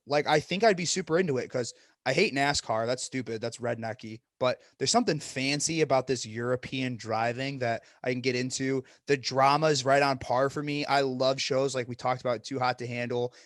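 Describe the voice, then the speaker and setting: A man's voice: medium pitch, fairly even intonation, moderate pace, dry recording, clean studio sound. A young man co-hosting a podcast in casual chat, blunt and profane, joking about food and sports. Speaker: podcast co-host.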